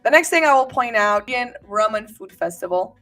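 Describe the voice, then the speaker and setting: A woman's voice: a little high, animated, a little fast, a bit bright, far from the mic, soft background music. A woman from Venezuela hosting a casual, upbeat talk with lots of fillers and restarts. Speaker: host.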